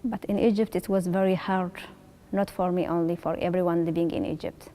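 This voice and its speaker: A woman's voice: lowish voice, fairly even intonation, brisk, dark tone. A woman, a resettled refugee speaking earnestly in simple phrasing in a documentary interview. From Eritrea.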